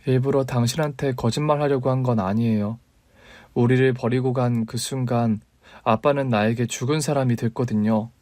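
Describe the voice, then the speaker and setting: A man voicing a grieving young wife in a story radio drama, speaking gently and quietly. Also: mid-range voice, steady tone, moderate pace, no room sound, close to an everyday voice. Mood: bitter.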